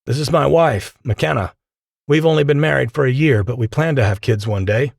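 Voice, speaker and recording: A man's voice: mid-range voice, normal speed, gravelly, no room sound, studio quality, voice pushed up. A man voicing a young newlywed male physicist, eager and a little unsure of himself. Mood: earnest.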